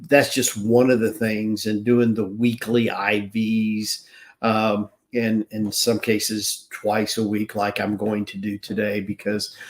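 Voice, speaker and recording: A man's voice: lowish voice, level tone, takes it slowly. A man in his sixties in casual live-stream talk, earnest and rambling, often restarting his sentences. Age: 60s. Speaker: wellness business owner.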